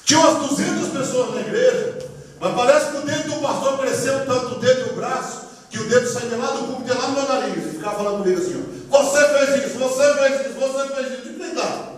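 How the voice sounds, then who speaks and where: A male pastor giving a testimony sermon, impassioned, swinging between shouted praise and tearful low tones. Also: fast talker, recorded from a distance. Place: church hall. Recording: echoey church, voice from afar.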